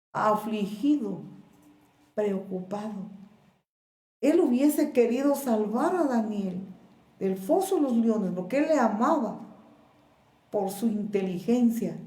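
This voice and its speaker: In a church, a woman pastor with a Guatemalan Spanish accent preaches slowly and deliberately, pausing often and repeating words. Her mid-range voice has a dark tone, and the sound is reverberant.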